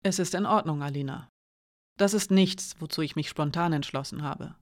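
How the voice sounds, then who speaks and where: A calm, resolute young woman who talks quietly and evenly, never rushing, as an audiobook reader puts her on. Her lines sit lower and softer than the narration, recorded dry and close. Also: no room sound, natural voice. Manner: quiet, low, steady. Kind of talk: audiobook character reading.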